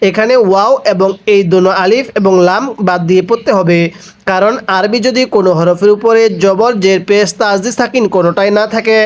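A man teaching Quran reading, with a Bangladeshi Bengali accent, who spells out each syllable and chants the verses in long drawn-out tones. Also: high voice. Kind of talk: slow spelled-out Quran recitation lesson.

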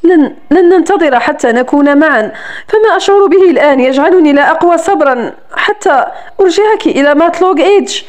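A woman reading the lines of a young man in love, calm, earnest and possessive, in a romance audiobook. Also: high voice, a little fast. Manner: calm, tender delivery.

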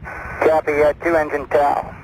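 A shuttle crew member making clipped calls over a distant, crackly air-to-ground radio link. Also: male voice, a little high, completely flat delivery, measured pace. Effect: distant crackly space radio link. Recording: noisy radio transmission from far off.

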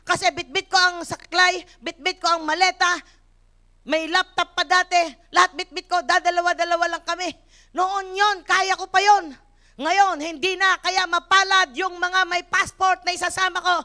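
A woman pastor in her fifties from the Philippines, preaching a sermon in a church with animated storytelling and English phrases mixed in. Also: very high-pitched, moderate pace.

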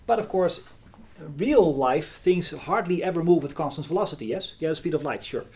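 A middle-aged university lecturer giving a live physics lecture in a hall, lively and often checking in with the class. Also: male voice, fairly high pitch, normal speed. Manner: lively, asks the class questions.

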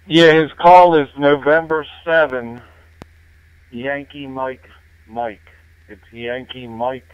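A man's voice comes through a thin, narrowband radio link, like a helmet intercom. He is an amateur radio operator, easygoing and chatty, who closes each turn with a sign-off. His voice is smooth and clear beneath the filtering. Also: medium pitch, takes it slowly. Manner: relaxed and chatty, ends turns with radio sign-offs. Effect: heard through a two-way radio, like a helmet intercom. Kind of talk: casual radio check-in chat. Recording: tinny narrowband radio transmission.

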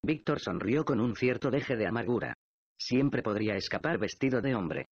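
A man reading a novel aloud as an audiobook narrator, in an even, measured way. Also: mid-range voice, breathy edge, no room sound. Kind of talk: scripted narration. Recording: dull, dry lo-fi audiobook recording.

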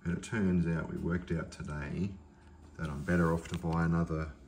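At normal speed, a man with a low, slightly mellow voice and fairly even intonation gives a casual tour of his kitchen and pantry. He films indoors on a handheld phone, rambling with fillers and restarts over a little hiss or hum.

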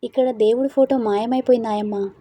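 A woman's voice: on the high side, fairly even intonation, brisk, mellow, dry recording, close to an everyday voice. A woman voicing an easygoing, talkative young man who teases and chats in a storybook reading. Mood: chatty. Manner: teasing, chatty.

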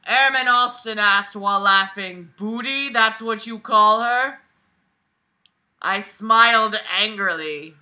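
In a pushed, bright, mid-range voice, a woman in her twenties reads aloud mockingly from her bed in a small bedroom. She pauses often to swear and toss in sarcastic, exasperated comments.

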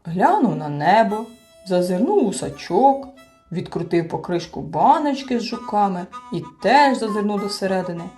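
Woman storyteller, audiobook, lively expressive pitch, soft music behind. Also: moderate pace. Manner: expressive, animated reading. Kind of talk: scripted audiobook narration.

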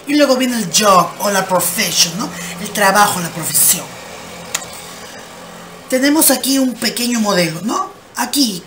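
A woman patiently teaches English grammar in a slow explanatory lesson, asking rhetorical questions and answering them herself. She reads the English examples slowly and clearly in a slightly high, fairly bright voice, with faint background noise.

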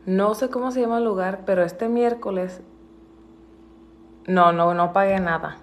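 Speaking at a measured pace in a mid-range voice, a woman talks casually on a livestream, with some faint hiss or hum on the audio. She's an adult with a school-age daughter, and she sounds indignant as she swears freely and flips between Spanish and English.

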